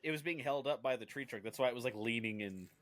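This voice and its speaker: Man, podcast co-host, casual chat, rambling delivery, mid pitch. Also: fast talker. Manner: rambling with many restarts and fillers.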